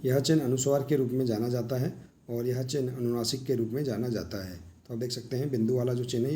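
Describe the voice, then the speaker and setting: A man's voice: mid-range voice, dark tone. A man teaching a workbook lesson, patiently walking through examples and often telling the listener to look. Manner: explains patiently, often saying "देखिए" while pointing to examples.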